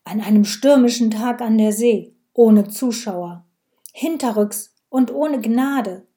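A woman reading an audiobook voices a gruff, mocking male village policeman who talks loud, clipped and sarcastic. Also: a little high, takes it slowly. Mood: thundering.

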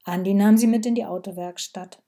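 A woman narrating a story in a calm, measured read that sometimes sinks to a whisper. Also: mid-range voice. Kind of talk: scripted narration.

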